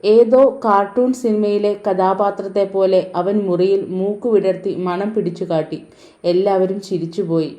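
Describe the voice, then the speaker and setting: A woman narrating a novel as an audiobook in a steady, even reading voice. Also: mid-range voice, moderate pace.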